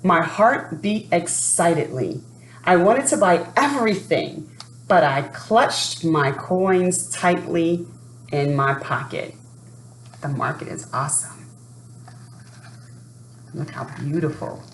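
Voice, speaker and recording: A woman with a lowish voice reads a picture book aloud to children, presenting it expressively and speaking straight to her young listeners. She asks them questions and pauses for answers. The sound is roomy with faint background noise.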